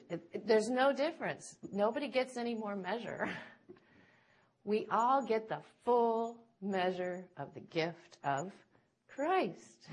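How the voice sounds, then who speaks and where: Slow-talking woman teaching the Bible. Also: mid-range voice. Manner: chatty, laughs often, asks "right?".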